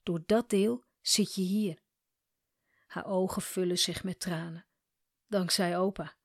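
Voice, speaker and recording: A woman coach narrating a scripted story in a calm, measured reading style. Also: fairly low pitch, no echo, clean studio sound.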